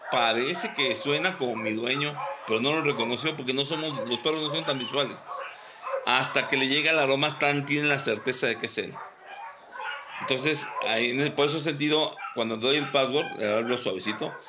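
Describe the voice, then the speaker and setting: Calm dog trainer, dull noisy recording. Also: male voice, mid-range voice. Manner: calm, demonstrative, repeats commands. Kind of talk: hands-on training instruction. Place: dog training farm, outdoors. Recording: dull recording with loud background noise and barking dogs.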